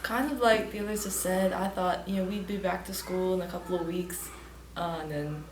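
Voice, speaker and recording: A woman's voice: fairly low pitch, fairly even intonation, normal speed, echoey room, a little hiss or hum. A teenage girl from West Tennessee, the top student, answering politely in an interview with nervous laughs. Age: teens. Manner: polite, laughs nervously, says yes sir. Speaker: top-ranked graduating student.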